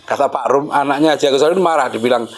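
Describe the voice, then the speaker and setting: A middle-aged man telling stories in a casual talk, animated and laughing, acting out the voices of the people he quotes. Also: mid-range voice, very fast. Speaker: speaker.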